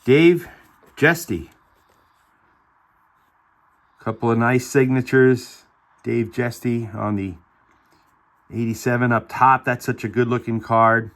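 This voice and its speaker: A middle-aged man with a bright, forward voice talks through his finds in a relaxed show-and-tell style. He sounds upbeat and enthusiastic, tossing in chatty asides as he goes. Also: mid-range voice, slow pace, long pauses. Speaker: card collector vlogger. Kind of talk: casual show-and-tell narration.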